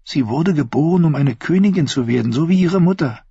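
A man's voice: a little high, lively intonation, fairly quick, warm tone, breathy edge, dry recording, voice pushed up, full character voice. A man voicing a sly, sweet-voiced young woman with a lilting, scheming delivery in an audiobook. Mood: sweetly scheming. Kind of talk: audiobook character voice. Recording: dull lo-fi audio.

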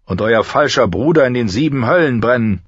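A man's voice: mid-range voice, expressive, brisk, breathy edge, dry recording, dull audio, voice pushed up. A man reading aloud voices a proud old male knight of a royal guard, speaking in a solemn, defiant way.

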